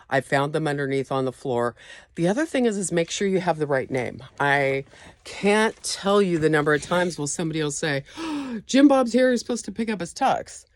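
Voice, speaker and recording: An informal, instructive store trainer with a voice of middling pitch walks a new colleague through procedures. The delivery is explanatory and practical, regularly pausing to check that the listener follows. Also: dry recording. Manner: instructive, checking in often with "okay?". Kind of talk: informal staff training walkthrough.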